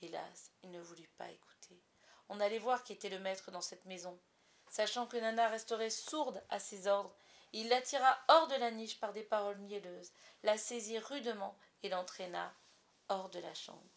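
A woman narrates a classic children's story. She reads at a measured pace. She is expressive and shapes each sentence with care. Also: mid-range voice, vocal fry. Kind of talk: storybook reading.

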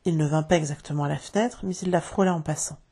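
Audiobook narrator, woman, low warm husky voice, measured storytelling. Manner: measured storytelling, lively dialogue shifts.

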